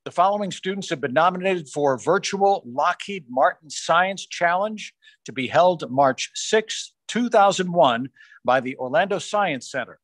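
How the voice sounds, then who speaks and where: A man formally reading out science fair award winners on a video call, rising in pitch on each school name. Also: expressive, a bit bright, dry recording. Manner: measured, formal announcing, rising on school names. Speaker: awards announcer. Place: small room on a video call. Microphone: video call microphone.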